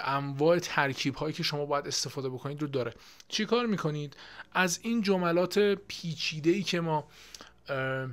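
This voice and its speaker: Gravelly young Iranian teacher. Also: male voice, on the high side, fairly bright tone. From Iran. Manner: explanatory, with frequent filler pauses. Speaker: IELTS teacher. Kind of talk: casual online lesson.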